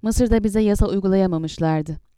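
A woman's voice: medium pitch, moderate pace, mellow, clear, resonant tone, dry recording, clean studio sound, lightly acted. Woman reading as an earnest young warrior captain.

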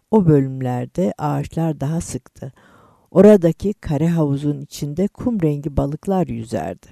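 Male narrator in his fifties, measured storytelling, dry, close sound. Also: a little high, gravelly, dark tone, dry recording. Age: 50s. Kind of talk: first-person story reading.

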